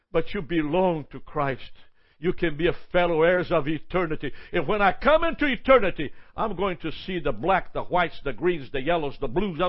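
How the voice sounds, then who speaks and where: High-voiced preacher, dull lo-fi sound. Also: male voice. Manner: emphatic preaching with lists and repeated phrases; stumbles and repeats words. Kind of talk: sermon.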